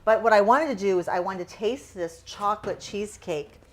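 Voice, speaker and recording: A woman's voice: mid-range voice, a little fast. A woman hosting a cooking show, chatting with a guest and gushing about the food in a restaurant kitchen. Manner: enthusiastic, gushing, with fillers. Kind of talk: casual chat.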